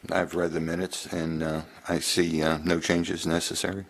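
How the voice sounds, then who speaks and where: Really low voiced man on a town board, talks in halting little chunks. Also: little pitch movement. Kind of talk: meeting remarks. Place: public meeting room.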